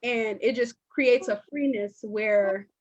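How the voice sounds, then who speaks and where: Female host, casual chat, slightly high voice, dull lo-fi stream audio. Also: slow pace.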